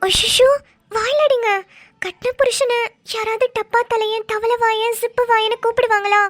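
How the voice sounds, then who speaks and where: A woman's voice: very high voice, normal speed, a bit bright. A woman voicing a mischievous young wife in a cartoon, sly and speaking in a sugary mock-sweet way. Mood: playful.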